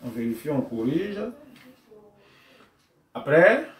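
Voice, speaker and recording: Slow, deliberate male teacher trainer. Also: mid-range voice, big pitch swings. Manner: deliberate, demonstrates syllables by chanting them aloud. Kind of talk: instructional tutorial for teachers. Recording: echoey room, voice from far off.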